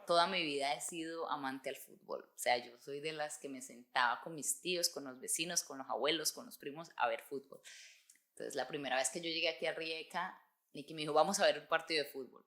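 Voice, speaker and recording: Speaking a little fast in a low voice with a fairly bright tone, a Colombian dance teacher and football fan in her twenties gives an expressive documentary interview. She has a Colombian Spanish accent.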